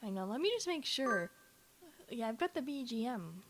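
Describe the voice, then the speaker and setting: A woman streamer telling an animated story between game lines, laughing often, swearing freely and talking back to her chat. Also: a little high, normal speed, noisy background. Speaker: streamer playing a visual novel.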